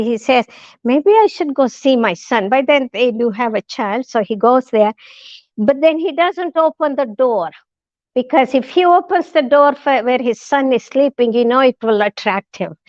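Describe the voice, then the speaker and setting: A woman giving a talk as a guest speaker, telling a story in a halting way, with many restarts and fillers, and acting out the quoted lines. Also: on the high side, dry recording, lo-fi sound. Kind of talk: storytelling lecture.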